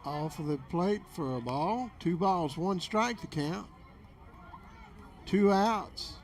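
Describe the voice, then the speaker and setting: A male play-by-play commentator calls a baseball game at an unhurried, slow pace. His voice sits a little high for a man and has a gravelly fry. Faint outdoor noise sits behind him. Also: animated.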